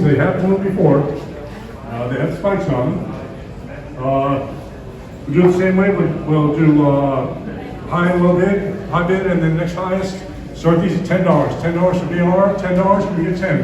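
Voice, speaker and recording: A high-pitched man calls a live auction in an informal, repetitive run of numbers and bids. The recording is dull and distant, set in a very echoey room. A crowd is clearly audible around him. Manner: informal, repetitive bid chant. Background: crowd noise.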